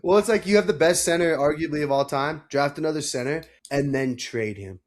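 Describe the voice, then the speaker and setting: A man talking sports casually like a frat bro, animated and slangy, with heavy swearing and mimicked voices in his retellings. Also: a little high, a little fast. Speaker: sports podcast host.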